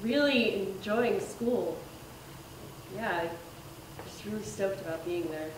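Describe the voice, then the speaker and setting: A woman's voice: mid-range voice, takes it slowly, background noise, close to an everyday voice. An actress playing a young female student, chatting casually. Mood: fond. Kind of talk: theatre monologue. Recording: echoey stage from far off.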